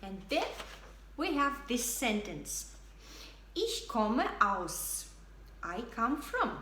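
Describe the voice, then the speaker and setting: A woman with a German accent teaches beginners, speaking very slowly with a fairly high, animated voice. She repeats each word for her students. The room is echoey, with a faint hum behind her. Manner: repeats words slowly and deliberately for learners. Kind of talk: slow, clearly spoken language lesson.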